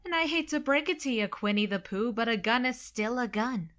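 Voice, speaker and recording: Playing an irreverent, cocky best friend, a young woman with an American accent teases in a naturalistic audio drama. She sounds animated and a bit bright, her voice a little high and her delivery a little fast.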